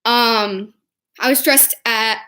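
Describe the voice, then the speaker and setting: Young woman rambling about con stories, slow and excited, higher voice, talks right into her camera. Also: slight background noise. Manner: chatty, excitable, acts out quotes in different voices. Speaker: vlogger. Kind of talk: casual storytelling vlog.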